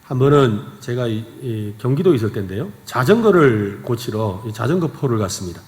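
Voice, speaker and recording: A man's voice: mid-range voice, expressive, fairly quick, darkish tone. A male pastor with a Gyeongsang accent, preaching a sermon and telling stories in an earnest way. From Gyeongsang region, South Korea. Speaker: senior pastor. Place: church sanctuary. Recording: echoey church hall.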